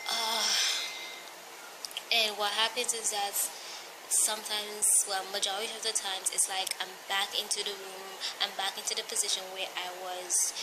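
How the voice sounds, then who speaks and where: Woman, mid-pitched, anxious and tired, hesitant confessional vlog delivery, clearly noisy amateur recording. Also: level tone, moderate pace. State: tired from lack of sleep. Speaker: personal vlogger. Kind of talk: candid confessional vlog, talking to viewers.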